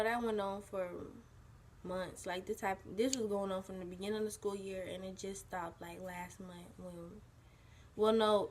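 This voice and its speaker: Husky teenage girl rambling casually. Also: mid-range voice. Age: teens. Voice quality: husky, just woken up. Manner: rambling, full of "like" and "you know". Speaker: vlogger. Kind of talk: casual storytime chat.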